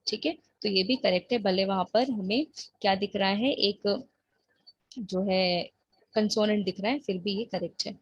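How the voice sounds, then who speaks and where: Woman, grammar teacher, husky voice, dry close sound, patient slow explanations. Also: medium pitch, dry recording. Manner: patient, explains slowly, checks in with the listener often; reads example sentences very slowly. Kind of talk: explanatory online lesson.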